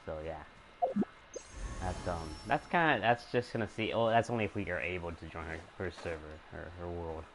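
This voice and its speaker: A young man streaming a game, talking casually in a quiet, hesitant way with many fillers and restarts. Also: deep voice, moderate pace, over music, rough recording.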